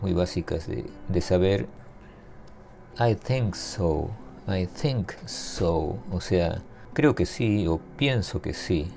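Man with a low, gravelly voice teaching. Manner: patient, repeats phrases slowly. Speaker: English teacher. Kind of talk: explaining grammar step by step. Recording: soft guitar music behind.

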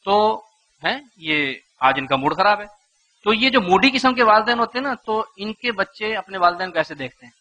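A man's voice: sits high, lively intonation, bright, forceful tone, dull audio. A man giving a motivational lecture to a live audience, speaking rhetorically, putting questions to the listeners and acting out what parents say.

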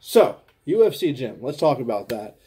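A man's voice: mid-range voice, normal speed, slightly rough, soft background music. A young man vlogging casually to a camera held close, chatting in a small room at home. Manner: relaxed, chatty, with fillers. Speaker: fitness vlogger. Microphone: camera held close to the face.

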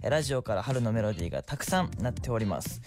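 Young man, radio DJ, quick friendly delivery, soft background music. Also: mid-range voice, animated. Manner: friendly, chatty, answers letters aloud. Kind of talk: radio show, reading listener letters. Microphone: studio microphone.

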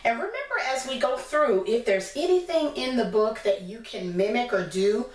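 This preschool teacher, an American woman in her thirties, has a fairly high voice with lively intonation and reads a picture book at a moderate pace. Along the way she encourages the young children and asks them simple questions. The sound carries roomy echo and clear background noise from a distant mic in a small room against a plain decorated wall.

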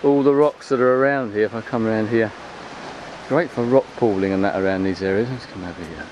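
Walking along an open beach at low tide, a man vlogs in a lowish voice at a fairly quick pace, his casual commentary chatty, rambling and unscripted. The audio sounds dull, captured outdoors by the built-in mic of his handheld camera, with clear wind and water noise.

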